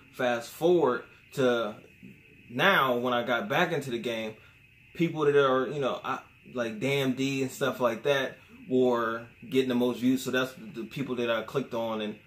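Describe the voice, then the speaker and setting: A man's voice: mid-range voice, fairly bright tone. A young man casually giving advice on his vlog, repeating his key points for emphasis. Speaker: sneaker YouTuber.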